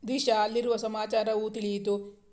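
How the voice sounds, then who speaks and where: A woman narrating a romantic novel as an audiobook, calm and steady. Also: medium pitch, normal speed. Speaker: storyteller.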